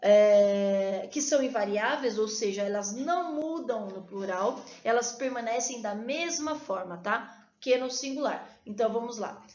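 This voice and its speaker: A Brazilian woman teaching a recorded video lesson, explaining rules step by step and checking in with her students after each point. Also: on the high side. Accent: Brazilian Portuguese. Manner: explanatory, frequent checking tags. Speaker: Spanish teacher. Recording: echoey room, dull lo-fi sound.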